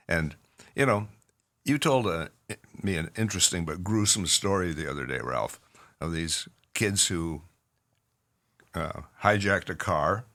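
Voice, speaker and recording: A man with a Canadian accent co-hosting a podcast in casual chat, pausing often on fillers as he talks. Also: low-pitched, fairly bright tone. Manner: halting, with many fillers. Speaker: podcast co-host, clinician.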